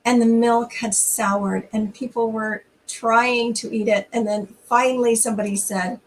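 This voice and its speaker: A middle-aged woman leads a church storytime, speaking informally and reading aloud expressively and conversationally, directly to her listeners. Her voice is fairly high and measured in pace, but she's far from the mic and the audio quality is poor.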